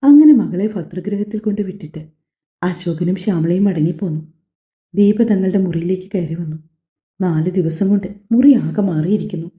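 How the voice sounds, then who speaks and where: A woman narrating a family drama audiobook in a steady, even storytelling manner. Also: lowish voice, normal speed. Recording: echoey, slightly dull home recording.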